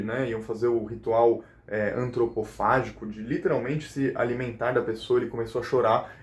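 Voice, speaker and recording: A man teaching a recorded class lesson. His voice sits at an ordinary middle pitch, and he explains step by step while checking in with his students. The sound has a noticeable roomy echo. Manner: explanatory, checks in with frequent questions.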